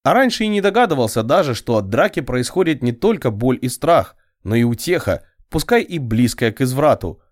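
A man reading a first-person story aloud as a scripted audiobook narration, with an expressive, ironic delivery. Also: mid-range voice, a little fast, hardly any pauses, dry recording, clean studio sound.

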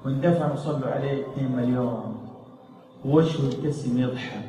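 A man preaching an emotional sermon, telling a story and swinging between loud pleading and hushed tones. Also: mid-range voice, a little fast. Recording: echoey hall, distant mic, faint noise.

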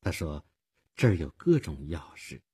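A man reading a long story aloud for radio in measured, expressive narration with a husky voice. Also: rumbling low.

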